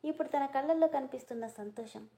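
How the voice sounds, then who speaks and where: A woman's voice: sits high, quick pace, creaky, warm tone. A woman reading a story aloud, voicing the dialogue herself. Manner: reads all the dialogue in her own voice.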